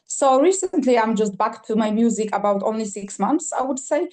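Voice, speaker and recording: A Polish singer-songwriter, whose first language is Polish, appears as a podcast guest with a fairly high, darkish voice and lively intonation. She talks enthusiastically but haltingly, with frequent fillers, repeats, and restarts.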